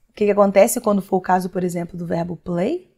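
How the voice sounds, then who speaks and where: A woman's voice: fairly low pitch, fairly even intonation, fast, mellow. A young adult woman from Brazil, an English teacher giving an online grammar lesson in a chatty way. She acts out imagined student questions in her own voice and often adds tag questions and stretched words for emphasis.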